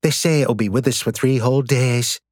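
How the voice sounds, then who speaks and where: A man voicing a brisk, kindly older woman with a Yorkshire accent who runs a pub, in an audiobook. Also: medium pitch, fairly even intonation, darkish tone, no echo, studio quality, pitched above the performer's own voice, natural voice.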